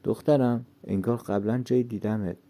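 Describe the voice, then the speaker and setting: A man voicing a kind, sociable middle-aged mother in a storybook, talking in a lively, friendly way. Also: mid-range voice, natural voice. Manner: warm and lively.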